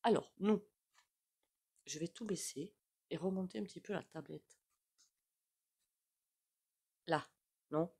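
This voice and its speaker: A woman's voice: fairly low pitch, slow pace, pauses often, dark tone, slightly rough. A woman with a regional French accent giving a casual, rambling tarot reading to her viewers, with frequent "hein" asides. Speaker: tarot reader.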